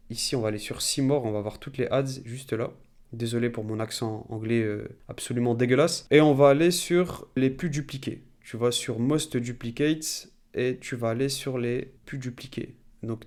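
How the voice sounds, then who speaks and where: Relaxed man thinking aloud on-screen. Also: medium pitch. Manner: thinks aloud, talks straight to the viewer; relaxed, many fillers. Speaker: e-commerce YouTuber. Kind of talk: casual screen-share tutorial.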